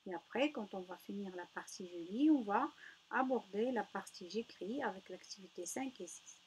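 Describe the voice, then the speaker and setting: A woman teaching a reading lesson to young children, slow and patient, praising answers and sounding out each word. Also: medium pitch, lively intonation, a little mellow, husky. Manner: patient, encouraging, spells out syllables. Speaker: primary school teacher.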